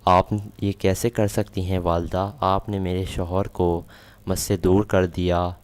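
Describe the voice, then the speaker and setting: A man's voice: sits low, little pitch movement, a little mellow, clear, resonant tone, lightly acted. A man voicing a grieving, angry pregnant young wife, reading her lines plainly in his own voice. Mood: angry grief. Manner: plain read-out of a quoted line.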